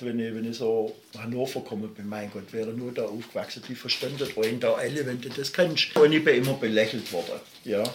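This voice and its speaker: Speaking as a guest in an interview, a middle-aged Swabian-accented musician from Baden-Württemberg, Germany, has a medium-pitched, fairly bright voice. The recording is reverberant with slight background noise, and his long answers are passionate, emphatic and digressive.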